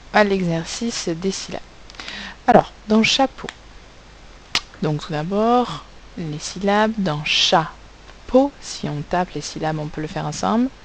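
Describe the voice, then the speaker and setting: A woman's voice: medium pitch, vocal fry, darkish tone, a little hiss or hum, low-quality recording. A woman teacher giving a recorded phonics lesson to young pupils, carefully spelling out sounds and letters.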